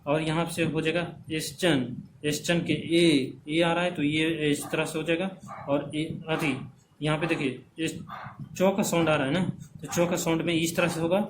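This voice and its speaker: A man teaching English phonetic transcription, repeating words slowly as drills and checking in often. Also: on the high side, fairly even intonation. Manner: checks in often with "theek hai". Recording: background noise.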